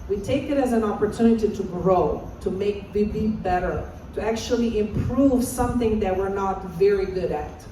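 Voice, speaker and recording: Speaking in a warm, mid-range voice, a woman from Romania who is an assistant professor gives an interactive presentation in a big conference hall and invites listeners to call out answers. The hall echoes, she sounds far from the mic, and there's slight background noise.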